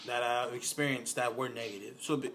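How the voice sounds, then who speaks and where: A man's voice: mid-range voice, steady tone, fairly quick, a bit bright. A young man hosting a podcast, talking in loose, profane, casual chat and laughing often. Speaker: podcast host.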